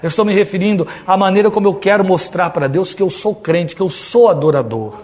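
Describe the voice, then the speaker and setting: A man's voice: high-pitched, a little fast, a little mellow. A Brazilian man preaching a Bible study in a conversational way, sometimes mimicking stiff, pompous prayer voices. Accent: Brazilian Portuguese. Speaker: pastor.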